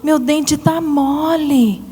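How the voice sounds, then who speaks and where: A woman voicing a panicky, whiny little girl who cries out high and pleads, in a reverberant church hall. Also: fairly even intonation, extremely slow, dark tone. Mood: pleading. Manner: high shrieking calls, pleading.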